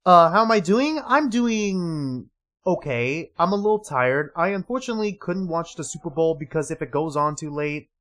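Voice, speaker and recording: A man's voice: on the high side, animated, moderate pace, fairly bright tone. A tired young man with a slightly sore throat, chatting casually while streaming and reading game dialogue. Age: young adult. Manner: rambling, many fillers, reads dialogue aloud. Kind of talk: casual live gameplay commentary.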